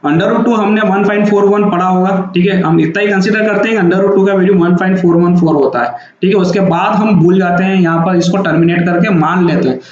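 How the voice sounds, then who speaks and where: A man's voice: sits high, darkish tone, a little hiss or hum. A man teaching a maths lesson, explaining patiently and repeating each point with frequent checks. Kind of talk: classroom-style math lecture. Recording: very echoey, dull lo-fi room sound.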